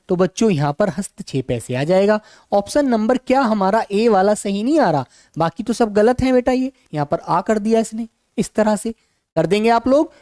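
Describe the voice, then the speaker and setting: A male teacher with a sore, hoarse throat, leading an online exam-prep class in a calm, unhurried and affectionate way. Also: sits high, no room sound, clean studio sound.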